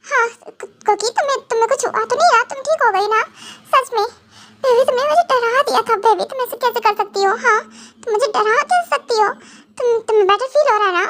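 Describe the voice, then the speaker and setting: A woman's voice: very high voice, very fast, hardly any pauses. A young woman voicing a caring, flustered young husband in an amateur audio drama, fussing with anxious repeated questions. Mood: worried.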